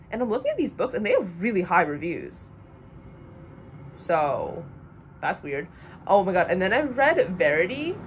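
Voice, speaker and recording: A woman's voice: mid-range voice, slight background noise. A young woman casually rambling through blunt opinions on books she has read, with lots of fillers. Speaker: book vlogger. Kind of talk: casual chat.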